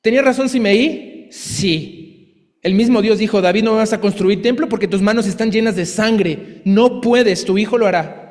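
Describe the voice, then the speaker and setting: A man preaching a sermon in a lively, chatty way, with asides and acted quotes. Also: high voice, moderate pace, big-room sound. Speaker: pastor.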